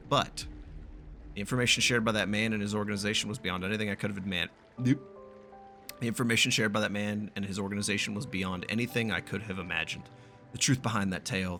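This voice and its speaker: Low-ish, bright and forceful, this man's voice carries a gaming playthrough stream. He reads the game's text out loud in a casual, profane style, tripping over words now and then.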